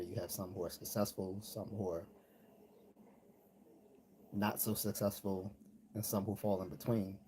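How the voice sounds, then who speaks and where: With a low voice and dark tone, an American man runs a live commentary stream, speaking in a blunt, conversational, slang-laced monologue. He mimics those he quotes, and background noise is noticeable.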